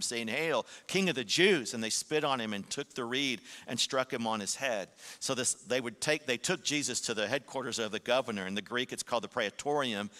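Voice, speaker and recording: Man, pastor, sermon, expressive preaching, mid pitch, long hall echo. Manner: expressive preaching that swings between hushed and emphatic. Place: church sanctuary.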